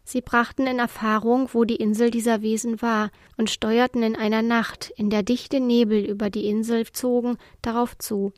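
Woman reading a gentle, lonely ship spirit. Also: fairly high pitch, little pitch movement, moderate pace, few pauses, no echo, studio quality, close to an everyday voice. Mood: wistful.

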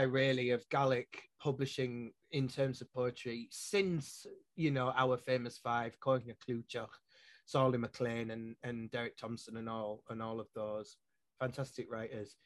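This is a poet and publisher from Yorkshire in an interview conversation, with a Yorkshire accent. He wanders thoughtfully through his answers with many restarts, in a mid-range voice recorded with no echo.

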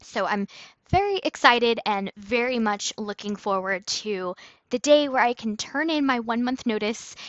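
A woman's voice: fairly high pitch, a bit bright, no room sound, highs cut off. A woman hosting her own podcast, talking casually in a rambling, chatty way and laughing often. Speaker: podcast host. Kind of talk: casual solo podcast monologue.

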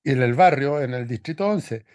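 A man's voice: mid-range voice, animated, brisk, a little mellow, dry recording, studio quality. A man, co-hosting a podcast and talking through a film in a loose, thoughtful way with many restarts. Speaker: podcast co-host. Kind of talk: casual film discussion.

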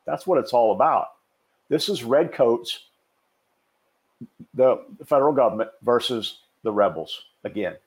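A man's voice: medium pitch, animated, unhurried, long pauses, darkish tone, poor audio. Opinionated police captain guest, male, blunt and dismissive. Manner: blunt, scornful. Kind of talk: opinionated panel talk.

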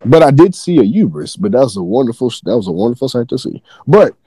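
A man from Texas tells a story in loose, animated, profane casual chat. His voice sits at an ordinary pitch. The recording is dry and close, with no room around it. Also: quick pace, creaky, slightly rough, no echo. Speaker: podcast guest telling a work story.

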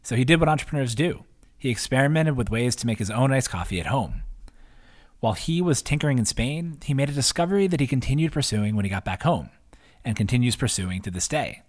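A man's voice: mid-range voice, expressive, fast. A man narrating his own written post aloud in an upbeat, conversational reading voice, adding casual asides. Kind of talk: read-aloud essay narration.

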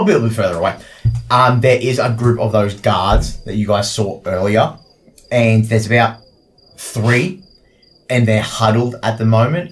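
A man's voice: fairly low pitch, low-quality recording. A man narrating as game master of a tabletop game, loose and full of "like"s. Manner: loose, filler-heavy narration with many "like"s.

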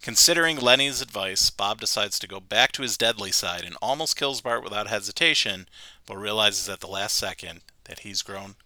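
Bright-voiced man recapping in casual chat. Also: on the low side, lively intonation, moderate pace, dry recording. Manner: summarizes plot at length, laughs often. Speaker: podcast host.

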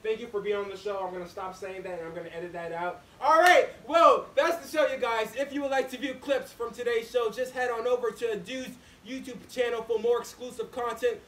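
A man's voice: extremely high pitch, fast, few pauses. A man hosting a podcast, running a casual interview and outro in an upbeat, loose way. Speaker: podcast host. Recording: echoey room, distant mic.

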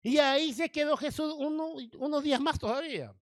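A man's voice: very high-pitched, brisk, no echo, studio quality. A male pastor preaching a sermon, reading scripture verses and asking the congregation rhetorical questions.

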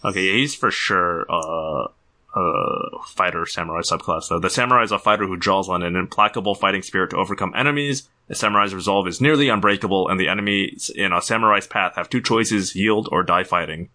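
A man's voice: deep voice, brisk, pushed and bright. A young man co-hosting a podcast, chatting casually and chuckling often. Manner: laid-back, chuckles often. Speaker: podcast co-host. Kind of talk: casual chat.

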